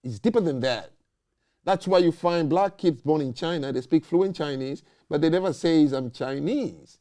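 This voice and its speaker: A man's voice: on the high side, moderate pace, mellow. A man hosting a talk show, making emphatic points and checking in with "okay?" and "you know". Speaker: host. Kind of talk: casual debate talk.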